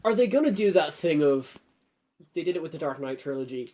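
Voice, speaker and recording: Male podcast co-host with a slightly higher voice. Asks loose questions and often loses the thread mid-sentence. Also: lively intonation, brisk, dark tone. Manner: questioning, trails off mid-thought. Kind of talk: casual film chat.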